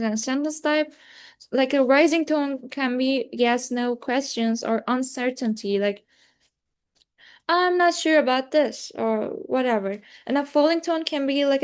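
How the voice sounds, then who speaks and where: A young woman giving a class presentation on pronunciation, hesitant and full of fillers like "like" and "uh". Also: high-pitched. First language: Turkish. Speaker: student presenter.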